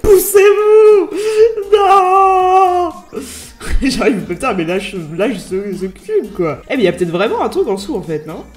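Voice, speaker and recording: A woman YouTuber giving casual, excitable reaction commentary, swearing and laughing often. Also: medium pitch, fairly quick, hardly any pauses, echoey room, faint music behind. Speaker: YouTuber host.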